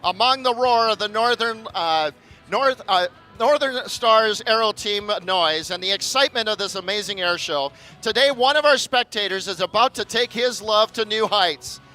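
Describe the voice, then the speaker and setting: A man's voice: sits high, moderate pace, pushed and bright, rough recording. A man giving live airshow commentary in a showman's announcer manner, drawing out phrases for the crowd.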